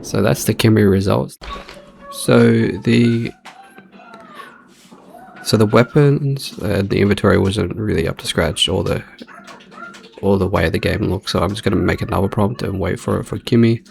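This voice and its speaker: Gravelly laid-back man narrating his gameplay. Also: on the low side, normal speed, long pauses, a little mellow. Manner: laid-back, thinking aloud while playing. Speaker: channel host testing AI models. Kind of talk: casual screen-recorded gameplay commentary. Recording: home recording with clear background noise.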